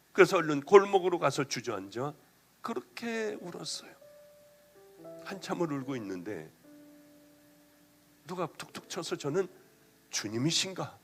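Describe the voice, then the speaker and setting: A middle-aged man preaches a personal testimony in a high, strongly rising and falling voice. He swings from loud, pressing lines to near-whispers. Soft music runs faintly beneath him. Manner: emotional storytelling, swings from loud to hushed. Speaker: pastor. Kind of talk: sermon testimony.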